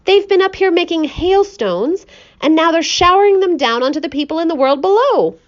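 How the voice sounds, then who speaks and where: A woman's voice: very high voice, animated, normal speed, lo-fi sound, voice pushed up. Woman doing a brave, urgent young boy. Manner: urgent, hushed.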